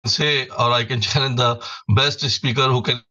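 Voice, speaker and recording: A man with an Indian accent making formal, polite and somewhat halting introductions as a webinar host. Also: mid-range voice, steady tone, sharp tone. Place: online video call. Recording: dull lo-fi video call audio.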